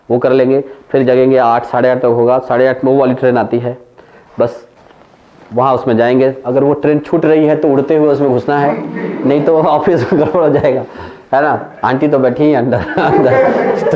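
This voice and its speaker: A man's voice: mid-range voice, dark tone, lo-fi sound. Indian man lecturing in Hindi and English. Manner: storytelling, mixing Hindi and English, laughing at his own anecdotes. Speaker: economics teacher. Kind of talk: classroom lecture.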